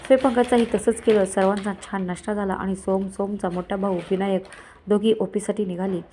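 A woman narrating a family moral story in a steady, even storytelling manner. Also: mid-range voice, brisk, a little hiss or hum.

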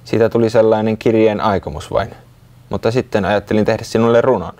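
A man's voice: fairly low pitch, fairly even intonation, a little mellow, voice pushed up, natural voice. A man voicing Molli, a small worried creature who sighs and speaks earnestly. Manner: sighing, hesitant, earnest.

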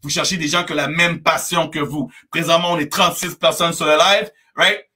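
A man's voice: a little high, fairly even intonation, brisk, pushed and bright, slightly rough. A man gives a motivational live-stream talk to his network marketing team. He talks emphatically, repeats himself for emphasis, and keeps tagging his sentences with an English "right?".

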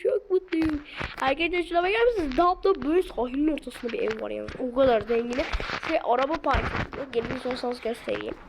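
A woman hosting a gaming video, chatting excitedly and addressing her viewers as she plays. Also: high voice, fast, creaky, heavy background noise. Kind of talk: casual game commentary to viewers. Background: background music.

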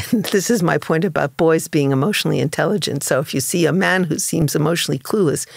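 Thoughtful older woman, low dry voice. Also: quick pace, vocal fry, husky, dry recording. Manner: thoughtful, explains with stories and quoted voices. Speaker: psychologist and author, guest. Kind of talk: conversational interview.

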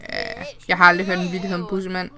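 A woman's voice: lowish voice, completely flat delivery, bright, forceful tone. A woman in her twenties giving casual, chatty commentary while playing a life-sim game, giggling and cheering at small wins. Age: 20s. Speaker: let's play host.

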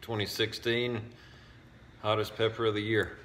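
A man's voice: lowish voice, level tone, normal speed. A middle-aged man talking casually in a home kitchen, a little way from a handheld phone. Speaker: dad joining the challenge. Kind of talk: casual chat to camera. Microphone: handheld phone a few feet away. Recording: noisy phone recording from a distance.

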